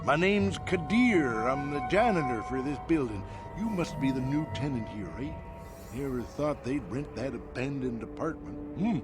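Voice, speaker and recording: An actor playing a grumpy, folksy old janitor in a video game, with a rambling, stammering way of talking. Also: male voice, medium pitch, animated, moderate pace, music in the background, natural voice. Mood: folksy, curious. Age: older.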